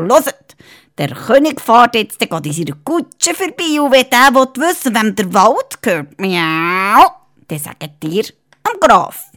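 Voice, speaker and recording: A woman's voice: mid-range voice, full character voice. Woman doing a meowing Swiss tomcat in boots. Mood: scheming. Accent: Swiss German. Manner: meowing between phrases, flattering. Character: sly male talking cat in boots.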